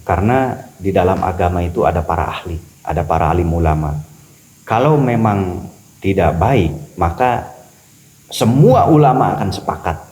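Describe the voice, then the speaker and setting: A man talking as a spiritual teacher on a podcast, animated and preachy, repeating key phrases for emphasis. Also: deep voice, normal speed, long pauses, poor audio. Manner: acts out quoted voices. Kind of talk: podcast religious talk.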